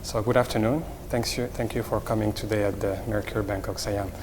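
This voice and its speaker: Speaking fairly quickly in a lowish, fairly even voice, a middle-aged Moroccan-accented hotel executive answers interview questions semi-formally, repeating words while explaining. The large hall makes his voice ring, and faint background noise is audible.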